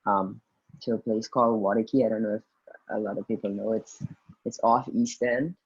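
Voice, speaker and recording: A man's voice: fairly low pitch, steady tone, moderate pace, husky, lo-fi sound. A man, tutoring students in an informal online session, speaking hesitantly and often restarting his sentences. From Guyana, raised in the Bahamas. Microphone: video call.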